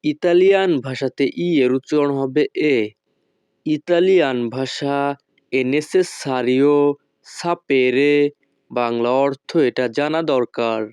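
A man teaching a language lesson, slowly and carefully repeating each phrase. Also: mid-range voice, darkish tone, smooth, no room sound.

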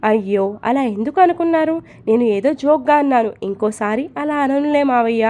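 A woman's voice: sits high, a little fast, warm tone, natural voice. A woman voicing a mischievous young husband. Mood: teasing. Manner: playful, teasing.

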